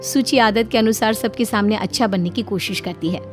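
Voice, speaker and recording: A woman giving steady, scripted narration for a cartoon moral story. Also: medium pitch, a little fast, faint music behind.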